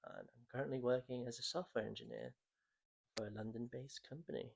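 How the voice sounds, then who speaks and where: A man's voice: mid-range voice, steady tone, fairly quick, gravelly, slight background noise. A man in his twenties from Northern Ireland, his Northern Irish accent faded, chatting easygoingly as a podcast guest with dry humour. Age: 20s. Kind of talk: casual podcast chat.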